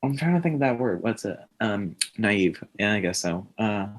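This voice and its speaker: A man's voice: lowish voice, expressive, moderate pace. A man who is a guest on a casual podcast, rambling and searching for his words.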